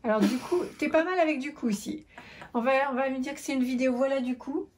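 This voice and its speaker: A woman's voice: high voice, quick pace, a little mellow, a little hiss or hum. A woman, the mother on a family vlog, chatting casually, teasing and using many fillers. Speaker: mother of the vlogger, co-host. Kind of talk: casual home video chat.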